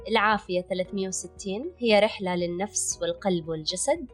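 This podcast co-host, a holistic physician and wellness coach with a Hijazi Saudi accent, keeps her explanations conversational and peppers them with English. Her medium-pitched voice moves at a quick pace, and faint music plays behind her.

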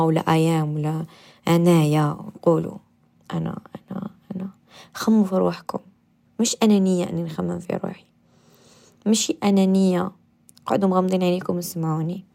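A low, gravelly woman's voice with a mellow, dark tone and an Algerian Arabic accent. She hosts a guided meditation and self-affirmation talk on the radio. She coaxes gently, repeats affirmations and sinks at times into a soft whisper. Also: steady tone, quick pace, pauses often. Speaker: radio host.

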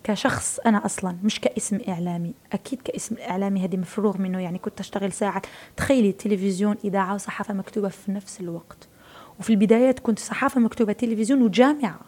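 A woman's voice: mid-range voice, steady tone, racing, warm tone. An Algerian woman in her thirties with an Algerian Arabic accent, a media personality talking emphatically as an interview guest and repeating words for stress. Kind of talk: casual interview talk.

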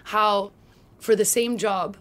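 A woman's voice: medium pitch, fairly even intonation, takes it slowly, a bit bright, a little hiss or hum. A woman with a Californian American accent, a podcast guest talking passionately in casual chat, often restarting her sentences. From France. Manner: passionate, emphatic, frequent restarts.

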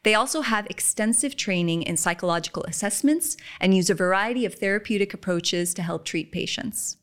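A woman hosting an interview podcast, giving measured introductions and laughing easily with her guest. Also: medium pitch. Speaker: podcast host.

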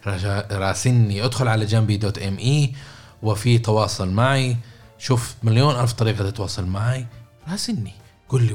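A man's voice: lowish voice, darkish tone. A man giving a casual coaching talk, repeating words and checking in with listeners by asking questions. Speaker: podcast host and coach.

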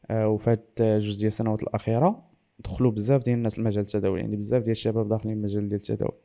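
A man's voice: mid-range voice, mellow. A man with a Moroccan Arabic accent, explaining as an interview guest and mixing in French and English loanwords.

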